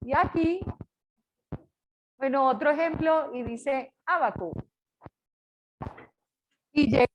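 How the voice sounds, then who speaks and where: An older woman from Colombia with a Colombian accent, teaching a class with a lively, joking manner. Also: high voice, slow, pauses often, slight background noise, low-quality recording. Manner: lively, jokes with students. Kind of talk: online class lecture.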